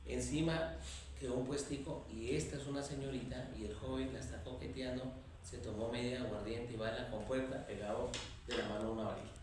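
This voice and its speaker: A Colombian man teaching an anatomy class, quizzing his students and telling lively anecdotes. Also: medium pitch, brisk, recorded from a distance, slight background noise. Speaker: anatomy lecturer. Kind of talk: classroom lecture. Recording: echoey classroom recorded from afar.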